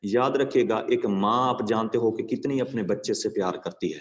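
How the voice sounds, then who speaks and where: A man's voice: on the low side, big-room sound, highs cut off. A male teacher giving a classroom lecture on a poem, asking his students rhetorical questions and telling them moral stories. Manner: asks the class rhetorical questions and checks understanding.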